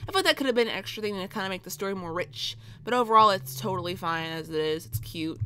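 A woman's voice: medium pitch, lively intonation, quick pace, fairly bright tone. A young adult woman giving let's play commentary, exclamatory and joking with casual cursing. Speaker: game reviewer.

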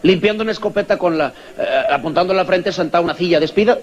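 A man doing a stand-up comedy routine, telling jokes in an animated way and acting out characters in squeaky and whispered voices. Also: very fast. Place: stage before a live audience. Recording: lo-fi live stage recording with crowd noise.

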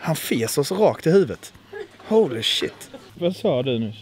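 This young YouTuber, filming with his nephew on an animal farm, keeps things light with jokes and frequent laughter as he chats for his vlog. His voice sits fairly high and sounds very lively, with a slightly mellow quality.

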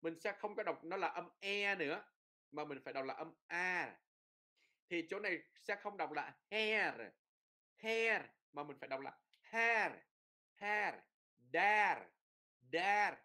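A man with a bright, forward voice, pitched a little high, leads a pronunciation lesson. He repeats drill words over and over and explains each rule patiently, tagging his sentences with little prompts. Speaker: Norwegian language teacher.

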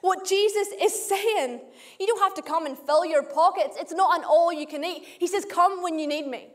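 A woman preaching a sermon in slow, deliberate phrases, often repeating a line for emphasis. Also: very high-pitched. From Australia.

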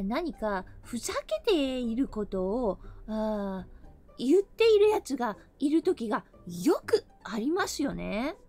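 A woman streamer from the American South runs a casual English lesson in a high voice that leaps all over the place. She is playful and slips into mock-angry rough slang for effect. Soft music plays faintly underneath.

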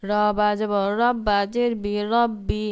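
A woman's voice: mid-range voice, flat delivery, measured pace, smooth. A woman teaching Quran reading, spelling Arabic words letter by letter and reciting them with long drawn vowels.

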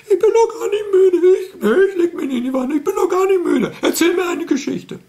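Children's storybook: a man playing a whiny, squealing little girl creature, very high and shrill. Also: lively intonation, brisk, a little mellow.

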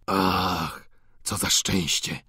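A man reading an audiobook, voicing an aging, doting father who talks in a husky, pleading way. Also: steady tone, bright, forceful tone, no room sound, clean studio sound, heavily acted. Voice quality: husky, slow and low.

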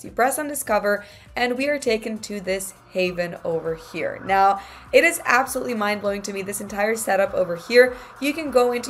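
A woman hosting her channel, giving an enthusiastic, promotional review of a game while reading its website text aloud with fillers. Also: medium pitch.

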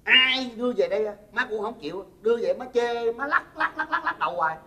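A man's voice: very high voice, brisk, sharp tone, far from the mic. A man playing an exasperated grown son, who pleads with and teases his mother in a comedy sketch. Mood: whiny. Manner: whiny, teasing, pleading.

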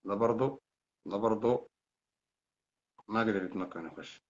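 A man with a Sudanese Arabic accent, hosting a heated political live stream, ranting with repeated insults. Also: on the low side. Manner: fast, heated, insulting, repetitive. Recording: dull lo-fi sound.

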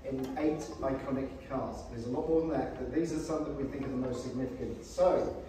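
A man's voice: medium pitch, fairly quick, dark tone. PR man presenting in a showroom, heavy echo, mic far away from him. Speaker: company PR representative. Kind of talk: guided presentation. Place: indoor showroom at a company headquarters. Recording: very echoey room, distant mic, background noise.

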